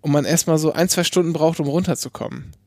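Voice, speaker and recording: A man's voice: a little high, quick pace, vocal fry, darkish tone, no echo, studio quality. A man co-hosting a podcast, chatting casually and with enthusiasm. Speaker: podcast co-host.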